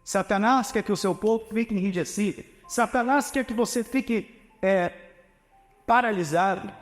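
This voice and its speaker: A Brazilian man preaching a sermon in a notably high voice, pressing his points with rhetorical questions. His words ring out with the long reverb of a church hall. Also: normal speed, soft background music. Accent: Brazilian Portuguese. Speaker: pastor. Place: church sanctuary.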